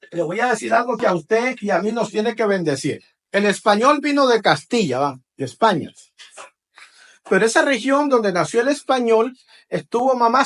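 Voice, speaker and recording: A man's voice: very high-pitched, a bit bright. A man preaching to a congregation, leading call-and-response and tagging his phrases with "¿verdad?". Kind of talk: teaching sermon to a congregation.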